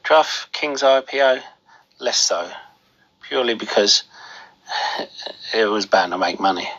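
A man talks through stock market opinions in a low voice with a forceful, sharp edge. He has a cold, and his sore throat makes him sound thick and swollen-tonsiled. The delivery is informal and halting, broken into short phrases. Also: expressive, highs cut off. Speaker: host of a money show.

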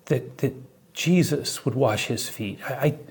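A male pastor preaching in an animated storytelling manner and chuckling often. His voice is husky, mid-pitched, and unhurried. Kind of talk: sermon.

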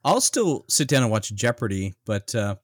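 A man's voice: fairly low pitch, very animated, normal speed, breathy edge, no room sound, clean studio sound. A man co-hosting a casual podcast chat who hesitates and searches for his words while describing things. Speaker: podcast co-host.

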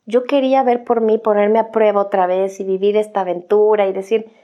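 A woman's voice: medium pitch, level tone, a little fast, highs cut off. A woman with a Mexican accent telling her personal life story in a candid, conversational way, often adding little tag questions. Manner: candid and conversational, with frequent "o sea" and "¿no?" tags.

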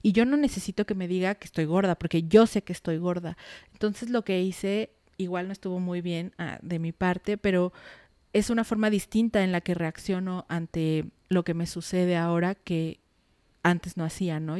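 A woman's voice: fairly low pitch, warm tone, smooth, no echo. A woman, a podcast guest candidly telling a personal story with frank, mildly salty words. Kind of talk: casual podcast conversation.

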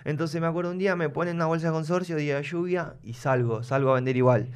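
A young man with an Argentine accent telling a personal story in a casual interview, animated and fast, always checking in with "¿me entendés?". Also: fairly high pitch, clear, resonant tone. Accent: Argentine Rioplatense Spanish. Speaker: guest.

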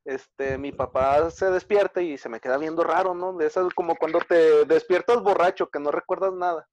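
A man's voice: a little high, steady tone, moderate pace, a little mellow, muffled recording. A man with a Mexican Spanish accent, telling a story in a casual, slangy chat full of fillers.

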